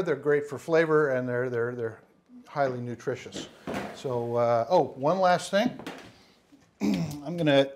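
Over background noise, a high-leaning male voice comes from a spice shop owner in his fifties. He's casually demonstrating cooking in an indoor studio kitchen set on a lapel mic, rambling and full of fillers and restarts.

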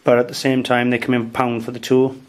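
A man's voice: mid-range voice, monotone, fast. Welsh guy in his 30s doing a casual haul vlog at home, chatty, lots of ums. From Wales. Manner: chatty, full of "um" and "guys", gives tips. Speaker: antiques dealer and channel host. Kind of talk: casual show-and-tell vlog. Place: dining room at home, indoors.

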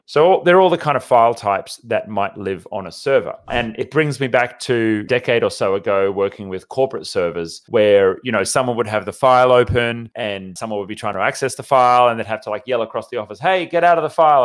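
Male tech explainer, conversational tutorial delivery, slightly low voice. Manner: conversational, walks through a screen demo. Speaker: IT consultant host.

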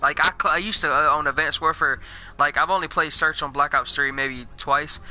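A man's voice: fairly high pitch, fairly even intonation, fairly quick, bright, forceful tone. A young man chatting while gaming, laid-back and teasing his friends. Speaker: gamer. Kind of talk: casual gaming chat. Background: faint game music.

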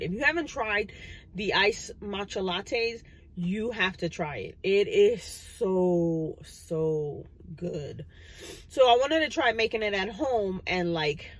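A woman's voice: medium pitch, a little hiss or hum, low-quality recording. A woman in her thirties talking casually from inside her car, rambling with plenty of fillers. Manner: chatty, rambling, many fillers. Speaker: vlogger. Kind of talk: casual chat. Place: parked car, indoors. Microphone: phone camera on the dashboard.

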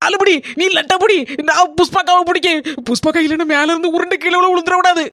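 Teasing village neighbor. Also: female voice, very high-pitched, fairly even intonation, heavy background noise. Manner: teasing, quick-talking. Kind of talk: animated village comedy.

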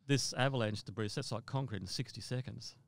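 A man from Australia, a mountaineer guest in an interview, telling a vivid story in a halting way with repeated words. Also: mid-range voice, gravelly, dry recording.

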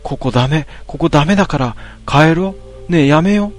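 A man's voice: mid-range voice, brisk, darkish tone, lightly acted. A man voicing a frightened young woman who trembles and keeps begging to go home. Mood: frightened pleading. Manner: pleading, trembling, repeats herself.

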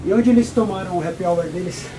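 A man's voice: high voice, quick pace, mellow. A man in his forties with a São Paulo Brazilian accent, a local reporter asking leading questions in a chatty street interview. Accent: Brazilian Portuguese, São Paulo. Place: outdoors beside a restaurant. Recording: noisy outdoor field recording.

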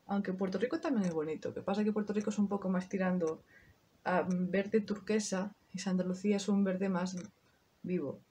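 A woman's voice: medium pitch, fairly even intonation, a little fast, dark tone, husky. Chatty Spanish woman doing her makeup. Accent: Spain Spanish. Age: 30s. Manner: chatty, talks straight to viewers, casual swearing. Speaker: beauty vlogger. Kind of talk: casual makeup tutorial chat.

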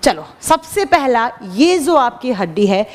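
Lively high-voiced woman teacher, reverberant. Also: slow pace. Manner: animated, addresses students as children, asks and answers her own questions. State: dry throat. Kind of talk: classroom lecture.

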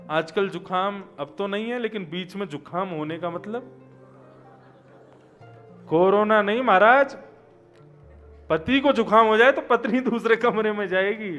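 A man whose voice sits high and a bit bright delivers a conversational devotional discourse, asking rhetorical questions, answering them, and sharing anecdotes. He is seated at a lectern on the stage of a religious event, using gooseneck podium microphones.

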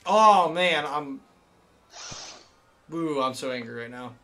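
A man's voice: fairly high pitch, lively intonation, takes it slowly, bright, forceful tone, a little hiss or hum. A man chatting crudely and joking with friends while playing a game, swearing often. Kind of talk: casual gaming chat.

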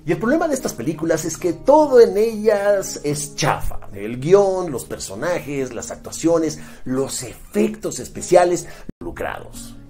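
A man's voice: on the high side, very animated, measured pace, warm tone, soft background music. A man with a Mexican accent giving a mocking, exasperated movie review, swearing freely. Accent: Mexican Spanish. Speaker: film critic. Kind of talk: sarcastic movie review rant.

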